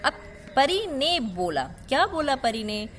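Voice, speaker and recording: A woman teaching pharmacy in Hindi who explains memory tricks, repeats drug names slowly and keeps checking in with her students. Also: sits high, sing-song, a bit bright. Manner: checks in with the listener, often asking "ठीक है"; affectionate, calls the student "बेटा".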